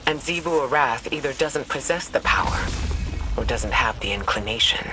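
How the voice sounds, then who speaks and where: An actor playing a grave male mentor figure who speaks in a measured, solemn way. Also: mid-range voice, lively intonation, over music, lightly acted.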